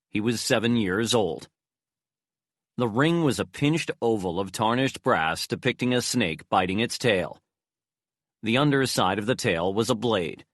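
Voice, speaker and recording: Slow, measured male audiobook narrator. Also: lowish voice, fairly bright tone, dry recording, studio quality. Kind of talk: scripted narration.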